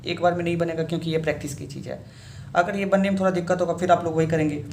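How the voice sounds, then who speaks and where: A man, his voice sitting a little high, patiently walks students through a lesson. He repeats every step and keeps checking that they follow. The sound carries the echo of a bare room. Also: steady tone, fast, gravelly, a little hiss or hum. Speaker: shorthand teacher. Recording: echoey room.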